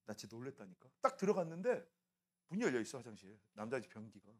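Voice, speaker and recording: A middle-aged man teaching a science class, telling animated stories and throwing in chatty rhetorical questions. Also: medium pitch, fast talker. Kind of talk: classroom lecture.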